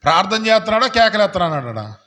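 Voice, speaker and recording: A man preaching as a pastor, questioning the congregation and building to loud calls for hallelujah. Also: sits high, very animated, quick pace. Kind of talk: sermon.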